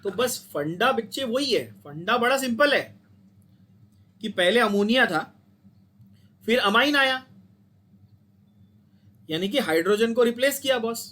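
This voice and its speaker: High-voiced Indian chemistry teacher lecturing. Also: male voice, animated, measured pace, long pauses, pushed and bright. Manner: explains step by step, checks in with students often. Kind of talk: classroom lecture.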